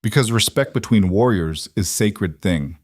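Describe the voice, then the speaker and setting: A man voicing a huge scarred male fighter who talks slowly and gravely, with a heavy accent and broken grammar. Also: lowish voice, animated, no room sound, clean studio sound. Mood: solemn.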